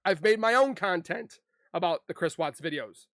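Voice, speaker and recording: A man venting to his viewers in a vlog, halting and frustrated, and holding back tears as he speaks. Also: sits high, animated, fairly bright tone, dry recording. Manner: halting, frustrated, with frequent restarts. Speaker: YouTuber.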